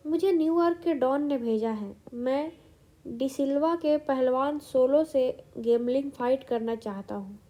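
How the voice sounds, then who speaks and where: A woman's voice: high-pitched, unhurried, dark tone. A woman voicing a bold young male comic-book superhero, read plainly like a storybook. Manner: plain storybook reading of a hero's lines.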